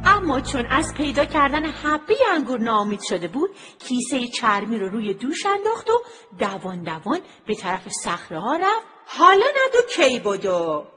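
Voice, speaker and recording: A woman's voice: a little high, very animated, sharp tone. A woman narrating a children's story expressively, over music.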